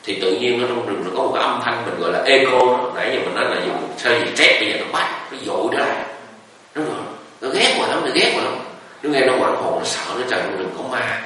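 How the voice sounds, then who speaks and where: Bright-voiced monk preaching. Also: male voice, mid-range voice, fast talker, few pauses. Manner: conversational, tells stories, asks the audience rhetorical questions. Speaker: Buddhist monk teaching. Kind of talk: dharma talk. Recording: echoey hall recording from far off.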